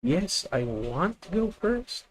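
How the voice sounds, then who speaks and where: Streaming a live deck test in a card game, a Filipino-accented man plans each move methodically, thinking aloud and correcting himself. His voice is high-pitched and sing-song, and he takes his time.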